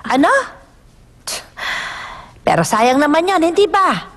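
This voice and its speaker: A pushy meddling matchmaker. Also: female voice, high-pitched, sing-song, takes it slowly, fairly bright tone, full character voice. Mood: insistent. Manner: pushy, insistent.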